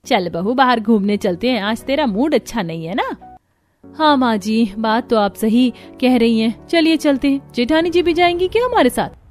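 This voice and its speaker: Gruff doting mother-in-law, voiced by a woman. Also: fairly high pitch, animated, moderate pace, faint music behind, natural voice. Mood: scheming. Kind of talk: cartoon story voice acting.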